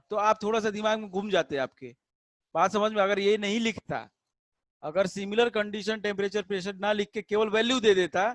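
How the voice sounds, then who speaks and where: A man teaching a chemistry class, patiently checking that students understand and drawing out English terms slowly. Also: high-pitched, dry recording. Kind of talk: classroom lecture.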